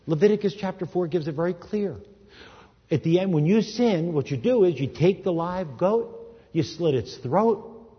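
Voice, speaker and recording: Lively, higher-voiced male preacher with a husky tone, dynamic sermon delivery. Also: moderate pace. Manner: animated, swings from shouting to hushed. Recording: reverberant hall, dull sound.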